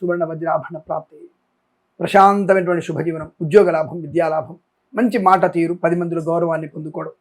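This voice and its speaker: A man's voice: a little high, fairly even intonation. A man hosting a daily horoscope show as an astrologer, rattling off long lists and making emphatic appeals. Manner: rapid listing, emphatic appeals. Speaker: astrologer and channel host.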